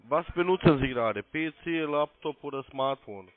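On a dry recording with narrow phone-line sound, a male call-centre agent in his thirties speaks at normal speed. His voice is a little high and expressive, and he gives formal, polite step-by-step instructions, spelling things out.

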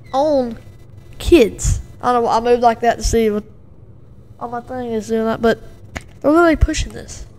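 A woman's voice: on the high side, a little mellow. Agitated rambling woman, reacting. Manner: agitated, rambling, many fillers and repeats. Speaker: video commentator. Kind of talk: casual reaction commentary. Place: home with a dog and a TV in the background.

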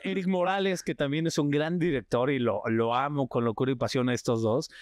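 Mexican male actor guest, animated slangy storyteller, mid-pitched, dry close recording. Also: a little fast, no echo. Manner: animated, slangy, acts out other people's cries. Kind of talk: casual storytelling chat.

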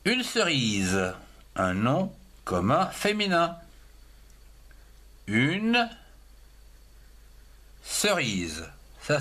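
A man giving a slow handwriting lesson for young children, spelling words letter by letter and syllable by syllable. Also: medium pitch, bright, forceful tone. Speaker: teacher.

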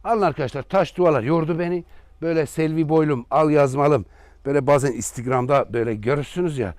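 Chatty aegean turkish guy showing a house, bit high voice, rooms ringing with echo. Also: quick pace, darkish tone. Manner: rambling, joking asides to viewers. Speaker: real estate agent. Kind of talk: casual property tour vlog. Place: walking through a house and garden.

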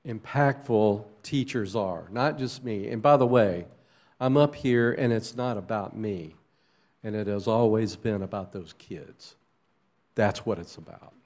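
A middle-aged man, a schoolteacher, giving a halting, heartfelt personal testimony at a church service. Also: lowish voice, darkish tone. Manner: halting and heartfelt, with fillers and restarts. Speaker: teacher sharing a testimony. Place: church sanctuary.

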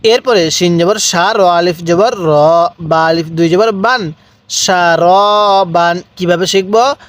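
A Bangladeshi Bengali-accented man teaching Quran reading, spelling letters out and then stretching each word slowly for students to repeat. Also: high-pitched. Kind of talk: step-by-step reading lesson.

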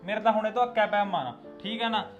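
A man's voice: high voice, quick pace, dull audio, faint music behind. A man playing a fed-up son-in-law, complaining and scolding his wife's family. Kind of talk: village family drama acting.

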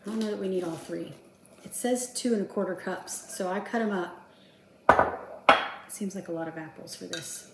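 A woman's voice: medium pitch, normal speed, pauses often, very noisy. A woman in her fifties chatting casually to the camera as she cooks at home, self-deprecating and talking to herself as she works. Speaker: home cooking vlogger. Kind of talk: casual cooking chat to camera. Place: home kitchen, indoors. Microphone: camera across the kitchen counter. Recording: echoey kitchen with clattering dishes.

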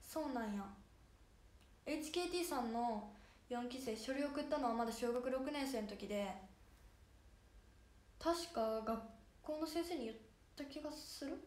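High-voiced Hiroshima-dialect woman streaming. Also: normal speed, long pauses, a little mellow. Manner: chatty, greets and thanks viewers by name. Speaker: idol livestream host. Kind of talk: casual livestream chat. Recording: echoey room with faint music.

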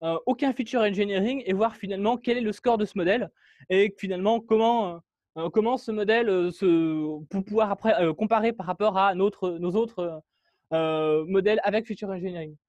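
Brisk and high-pitched, with a slightly mellow quality, a man presents code at a meetup, stumbling through fillers and restarts. The lo-fi recording carries no room sound.

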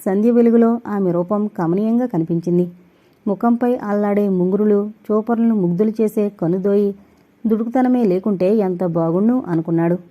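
A woman's voice: medium pitch, moderate pace, phone-quality sound. A woman reading a novel aloud, narrating and voicing every character's dialogue. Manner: reads all characters, rising louder in quarrels. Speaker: audiobook narrator.

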